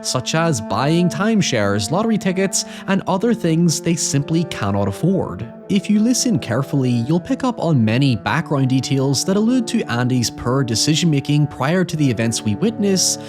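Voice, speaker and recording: Over background guitar music, a male host narrates his scripted video essay in a sing-song voice on the higher side. He speaks at a normal speed with few pauses, staying articulate and analytical and slipping in the occasional wry aside.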